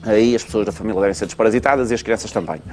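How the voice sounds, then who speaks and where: A man with a European Portuguese accent, a pediatrician explaining calmly on a talk show, with frequent fillers. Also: lowish voice, very fast, faint music behind. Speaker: pediatrician guest.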